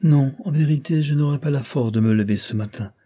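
A man reading aloud voices a sickly, anxious older woman who talks in a hushed, plaintive way. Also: mid-range voice, brisk, breathy edge, voice pushed up, close to an everyday voice. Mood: fearful, plaintive. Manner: fearful, plaintive.

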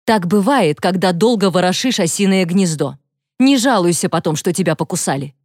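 A woman's voice: fairly low pitch, expressive, moderate pace, a little mellow, dry recording. Woman as a strict female teacher, firm, clipped, audiobook, dry sound. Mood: stern. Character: stern adult female school teacher.

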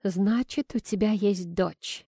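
A woman's voice: on the high side, moderate pace, warm tone, no room sound, clean studio sound, lightly acted. A woman voicing a flustered young girlfriend. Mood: irritated. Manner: surprised, then irritated.

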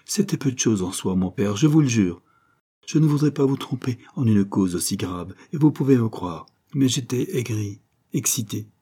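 A man's voice: mid-range voice, animated, normal speed, dark tone, breathy edge. A man doing a reserved young wounded son. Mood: pleading. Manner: evasive, pleading.

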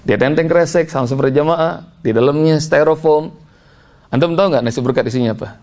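A male preacher, telling a story in a lively sermon and talking to the congregation. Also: fairly high pitch, brisk. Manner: lively storyteller, acts out voices, addresses the congregation.

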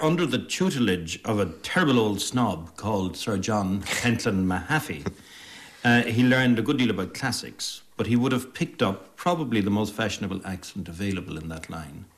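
Articulate Irish academic man. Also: fairly low pitch. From Ireland. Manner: thoughtful, articulate, with pauses. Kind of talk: radio interview answer.

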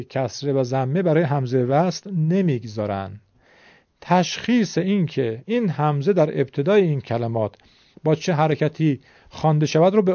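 Man patiently explaining a recitation lesson step by step, a bit high but mellow, dull dry lo-fi sound. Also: no echo. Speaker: Quran recitation teacher.

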